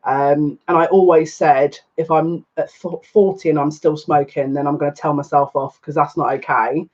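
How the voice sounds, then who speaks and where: A man in his thirties, a psychic reader chatting casually on a live stream, excitable and rambling. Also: fairly high pitch, moderate pace. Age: 30s. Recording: dull lo-fi stream audio.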